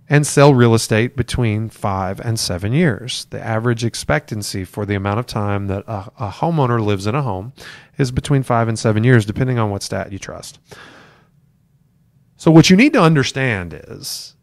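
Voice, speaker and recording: A man's voice: mid-range voice, no echo, studio quality. A middle-aged man leading a real estate team, giving a live-streamed talk to new agents in a conversational, emphatic way and repeating his key points. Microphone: camera for a livestream.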